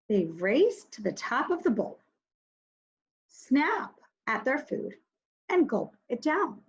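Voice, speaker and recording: A kindergarten teacher with a fairly high voice records a reading lesson, though the highs in the audio are cut off. She speaks simply and instructively right to young children, asking questions and thinking aloud.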